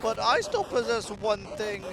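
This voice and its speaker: A man's voice: sits high, big pitch swings, a little slow, crowd noise, noisy background, voice pushed up, exaggerated voice. A man voicing a grandiose, smothering female robot queen with an exaggerated, sing-song doting delivery, over game music. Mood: grandstanding. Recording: loud game music behind.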